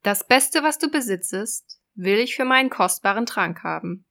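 A woman voicing a cruel, scheming old sea witch in a storybook reading, loud and sneering. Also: medium pitch, expressive, normal speed. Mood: menacing, sneering.

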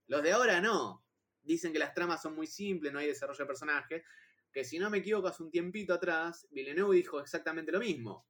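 Rioplatense man, casual podcast talk, excitable, restarts often. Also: a little high, a little fast. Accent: Rioplatense Spanish. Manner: excitable, stumbling restarts, heated slang. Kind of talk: casual chat about films.

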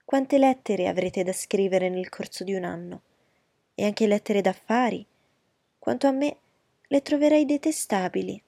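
A woman voicing a gushing, flattering society lady. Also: mid-range voice, unhurried, vocal fry, no echo, studio quality. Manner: eager, flattering, insistent.

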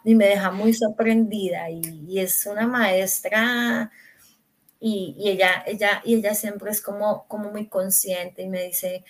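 Woman, parenting coach, podcast guest, reflective, middle pitch, examples from everyday life. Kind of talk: podcast interview conversation.

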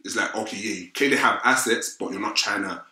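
Young London man, roadman accent and slang, low forceful voice, roomy echo. Casual, opinionated panel talk. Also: fast talker. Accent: London, urban street style. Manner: London roadman slang, frequent "fam" and "innit". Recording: roomy, echoing sound.

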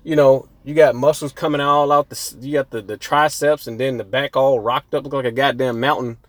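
A man's voice: medium pitch, fairly even intonation, brisk, no echo. A young man hosting a casual solo podcast, profane and boastful, rambling and breaking off mid-thought. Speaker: podcast host. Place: outdoors near a street.

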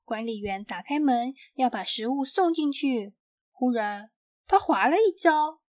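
Slow-reading woman storyteller. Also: high-pitched, dry recording. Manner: slow, clear, expressive reading. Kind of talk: children's storybook read-aloud.

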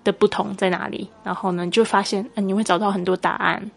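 A woman hosting a podcast English lesson. She explains patiently and spells English words out slowly, letter by letter. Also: mid-range voice, level tone, gravelly. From Taiwan. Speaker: English teacher and podcast host.

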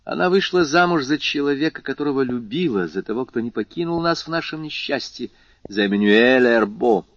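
A man voicing an earnest, warm young officer in an audiobook, with a raised, eager delivery. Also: medium pitch, animated, a little fast, dry recording, voice pushed up. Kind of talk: audiobook character voice. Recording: slightly muffled lo-fi recording.

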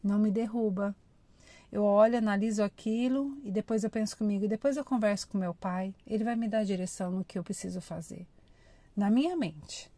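A woman's voice: medium pitch, brisk, dry recording. A woman giving an informal devotional talk, chatting with her listeners and acting out heartfelt prayers. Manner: warm conversational, addresses listeners as "gente"; acts out emotional prayers. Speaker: devotional speaker.

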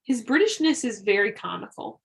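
A young woman co-hosting a casual chat, animated and quick to laugh. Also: on the high side, creaky. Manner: animated, laughs often, mimics characters in quotes. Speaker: podcast co-host.

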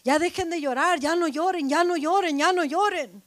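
High-voiced woman pastor preaching fervently. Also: normal speed, no echo. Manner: impassioned preaching, rising to loud emphatic repetitions; switches briefly into English phrases. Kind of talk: sermon.

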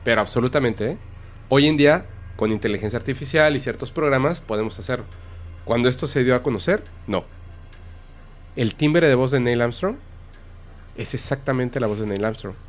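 A man's voice: medium pitch, moderate pace. A man, hosting a casual podcast and animatedly retelling a story, acting out the quotes. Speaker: podcast host.

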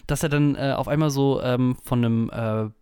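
A man's voice: mid-range voice, fairly even intonation, moderate pace, a little mellow, clean tone, no room sound, studio quality. A man from Germany telling stories in a casual podcast chat, rambling with many fillers and restarts. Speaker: podcast co-host.

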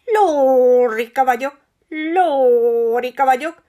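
A woman's voice: warm tone, lightly acted. Woman doing a screechy vain budgie. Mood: chanting proudly. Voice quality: shrill, screechy. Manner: slow sing-song self-praise. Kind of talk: storybook reading.

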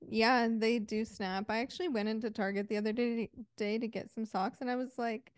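Female podcast co-host, fairly high voice, playful casual banter, dry close sound. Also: steady tone, brisk, smooth, dry recording. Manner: playful, laughs easily. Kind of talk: casual chat.

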